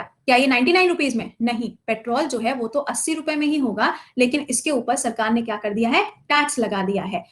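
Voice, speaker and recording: Female teacher, high voice, live online class, quizzes students and answers herself, playful scolding.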